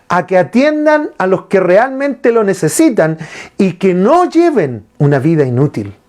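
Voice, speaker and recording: A man's voice: sits high, a little slow. A man preaching a sermon as pastor, asking his listeners questions and retelling scripture. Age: adult father. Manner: lively preaching with rhetorical questions to the congregation.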